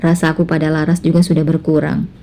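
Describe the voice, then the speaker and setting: A woman's voice: low voice, little pitch movement, fast talker, warm tone, slight background noise. A woman voicing a self-assured adult husband in a spoken family drama story, in a casual tone.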